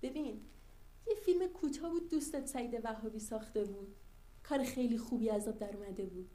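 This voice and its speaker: Actress playing a coaxing office schemer. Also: female voice, fairly high pitch, mellow, close to an everyday voice. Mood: scheming. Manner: persuasive, coaxing. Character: scheming female office worker, persuasive. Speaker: office worker. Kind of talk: TV drama acting.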